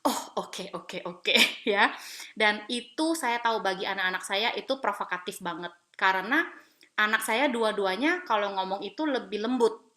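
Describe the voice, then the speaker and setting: A woman pastor from Palembang, Sumatra, preaching a women's Bible talk in a conversational, animated way, slipping in English phrases. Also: medium pitch, normal speed.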